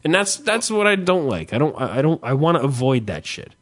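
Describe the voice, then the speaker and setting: A New Jersey man chats casually on a podcast, swearing freely and ranting. His slightly high voice has big pitch swings and a slightly fast pace, climbing higher when he gets worked up.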